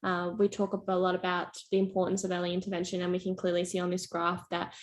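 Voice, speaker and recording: A woman's voice: lowish voice, completely flat delivery, fast. A young woman presenting a youth mental health workshop, explaining in an encouraging tone with fillers.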